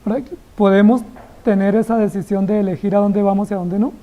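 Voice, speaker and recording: A woman's voice: mid-range voice, steady tone, fast, dark tone, low-quality recording. A woman preaching an expository sermon, dramatically acting out biblical dialogue and firing rhetorical questions at the congregation.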